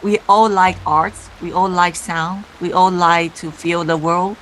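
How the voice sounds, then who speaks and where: A woman from Taiwan speaking gently in an interview. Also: lowish voice, steady tone, measured pace, slight background noise, poor audio. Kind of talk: interview answers.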